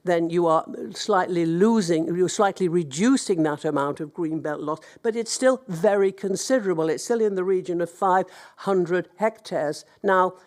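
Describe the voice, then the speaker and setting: Speaking at a public hearing, a councillor with a stuffy nose from a cold delivers an earnest but hesitant statement, stumbling through many ums and restarts. She has a lowish, darkish voice, talks at normal speed and barely pauses.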